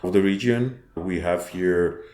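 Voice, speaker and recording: A man's voice: sits low, darkish tone. Man in an echoey room. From Armenia. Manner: halting non-native phrasing with many restarts. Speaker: startup founder guest. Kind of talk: podcast interview.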